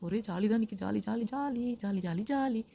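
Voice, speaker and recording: A woman's voice: mid-range voice, fairly quick, creaky, mellow, husky. A woman playing a whiny scheming wife. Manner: whiny, theatrical. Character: lazy, scheming young wife faking tears. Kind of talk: comedy sketch acting.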